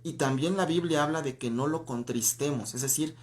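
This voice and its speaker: A man's voice: fairly high pitch, moderate pace. Man teaching a livestreamed Bible class. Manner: conversational, greets viewers by name mid-lesson. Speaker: church teacher. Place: church room, livestream.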